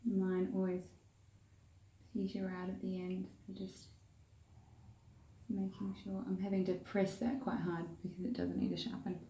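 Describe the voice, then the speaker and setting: A woman's voice: medium pitch, a little slow, pauses often, distant mic. A woman with a New Zealand accent, chatting her way casually through a step-by-step makeup tutorial as she works. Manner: chatty, relaxed, talks while working. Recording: roomy echo, voice off-mic.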